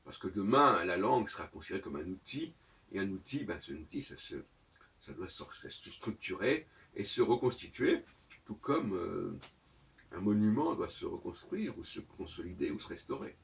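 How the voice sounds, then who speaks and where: A man giving a lecturing monologue on his own channel, professorial and argumentative, pausing on fillers while he searches for words. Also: sits low, very animated, vocal fry, a bit bright, distant mic.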